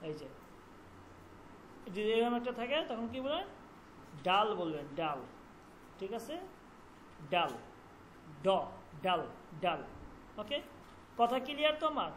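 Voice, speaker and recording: A man teaching a language class online, repeating each letter sound slowly and checking that students follow. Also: extremely high pitch, very animated, a bit bright, slight background noise.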